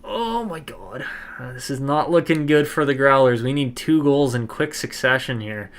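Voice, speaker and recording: Excitable man calling his hockey game. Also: mid-range voice, normal speed. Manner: excitable, shouting at plays, then mutters in frustration. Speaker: gaming streamer. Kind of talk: live play-by-play of a hockey video game.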